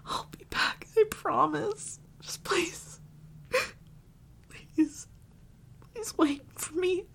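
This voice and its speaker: In a soft, ASMR-like intimate roleplay, a woman plays a doting, clingy young girlfriend who grows tearful before they part. Her medium-pitched, darkish voice is breathy and often drops to a whisper as she pleads tearfully. She speaks slowly and haltingly, offering tender, soothing endearments.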